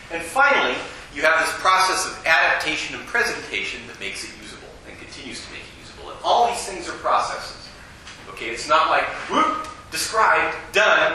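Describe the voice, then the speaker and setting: A man giving a casual, joking classroom lecture at a fast clip, recorded in a lecture hall. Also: medium pitch, bright, forceful tone, a little hiss or hum. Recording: echoey hall, distant mic.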